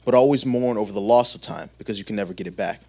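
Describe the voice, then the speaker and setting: A man giving an earnest, measured spoken monologue on stage. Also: on the low side.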